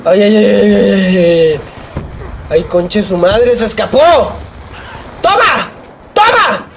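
A young man with a Mexican accent giving live gameplay commentary, swearing, joking in rambling asides and yelling at opponents. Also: high voice, slow pace, creaky, background noise. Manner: profane, excitable, yells at opponents. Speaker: gaming YouTuber.

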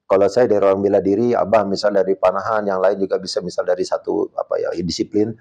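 A man's voice: deep voice, level tone, fast talker, gravelly, a little mellow. A man, a martial arts coach, talking on a podcast and telling a story, acting out the people he quotes and dropping English words into his speech. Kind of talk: casual podcast talk.

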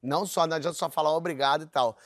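A man's voice: fairly high pitch, steady tone, racing, no room sound. A man hosting a talk show in front of a studio audience, playful and exclaiming as he jokes with his guest. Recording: loud studio audience around him.

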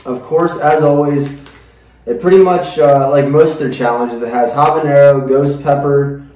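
A man's voice: on the high side, steady tone, normal speed, mellow. Young male host in a very echoey room. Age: young adult. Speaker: host of a spicy food challenge show. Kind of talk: casual on-camera presenting. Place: small indoor room, seated at table. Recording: echoey room, distant microphone.

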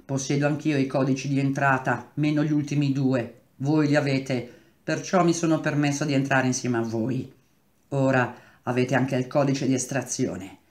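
A man's voice: medium pitch, flat delivery, moderate pace, natural voice. A man voicing a scheming male traitor villain in a read-aloud novel, taunting and drawn out. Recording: roomy echo.

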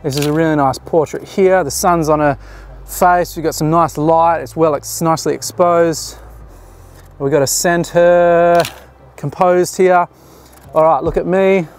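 This photographer, a man in his thirties, has a fairly high voice and speaks at a measured pace with fairly even intonation. He offers casual behind-the-scenes commentary on his shots while directing a model outdoors on a beach jetty.

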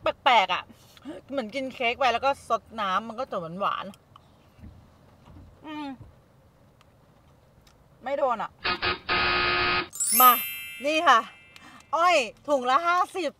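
Speaking slowly in a high voice with long pauses, a woman in her thirties chats excitably to her viewers while walking supermarket aisles and tasting food in her parked car. The casual vlog is shot on a phone held at arm's length, with background music underneath and a slight hiss or hum.

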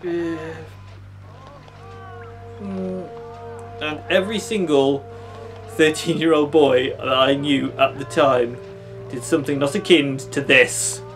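A man's voice: a little high, takes it slowly, long pauses, poor audio. A man in his thirties giving casual, jokey playthrough commentary, often talking to the game's characters. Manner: animated, jokey, talks to game characters. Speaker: gaming video host. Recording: game music behind voice.

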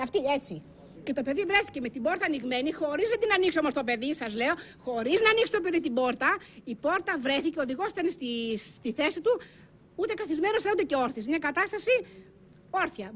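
A woman's voice: high-pitched, lively intonation, fairly bright tone, a little hiss or hum. A woman giving an eyewitness account, insistent and repeating her points over and over.

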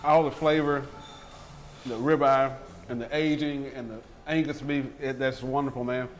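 A man's voice: mid-range voice, steady tone, moderate pace, a little hiss or hum, poor audio. A man hosting a local TV food segment, tasting dishes at a restaurant table and gushing over them in casual, enthusiastic chat. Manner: effusive, enthusiastic, chatty. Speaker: TV food show host.

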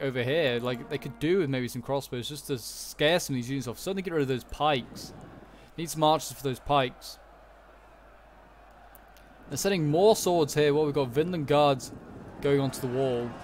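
In a fairly high, slightly mellow voice and at a moderate pace, a male gaming commentator muses aloud over a strategy game battle he's watching. The recording has noticeable background noise from the game's battle ambience.

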